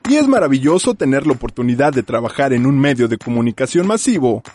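A man who works for university radio, speaking in an animated, lilting way. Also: medium pitch, fast, background noise.

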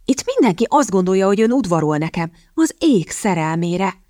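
A woman reading the lines of a sharp-witted, impatient young woman in an audiobook, speaking in a pointed, indignant way. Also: medium pitch, sing-song, dry recording, clean studio sound, natural voice. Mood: exasperated.

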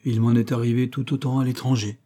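A man's voice: a little high, lively intonation, moderate pace, dark tone, voice pushed up. A man doing a breezy young nobleman. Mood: light confiding. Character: young male nobleman, light-hearted gallant.

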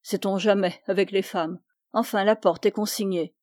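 Woman voicing an offhand gentleman, warm tone, dry close recording. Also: mid-range voice, fairly even intonation, normal speed, no echo, lightly acted.

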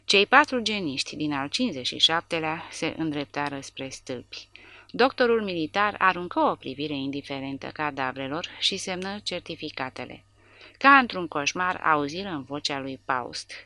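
A woman narrating an audiobook in a measured, dramatic reading. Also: low voice, expressive, bright, forceful tone, dry recording. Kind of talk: scripted narration.

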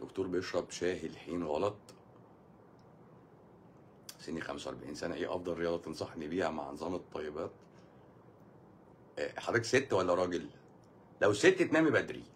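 An Egyptian man hosting a casual live stream, answering viewer comments with quick jokes. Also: sits low, expressive, a little hiss or hum. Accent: Egyptian Arabic. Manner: quick, joking, reads viewer comments aloud.

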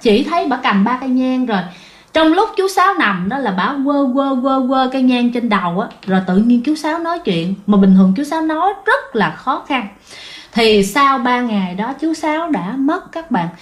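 A woman hosting a ghost story show, narrating in a chatty way and talking straight to her listeners. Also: fairly high pitch. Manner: chatty, addresses listeners directly.

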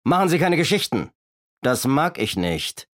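A man voicing a gruff, bossy robber who barks his demands in a raised voice. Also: on the high side, sing-song, measured pace, fairly bright tone, voice pushed up. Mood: barking. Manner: barking, demanding.

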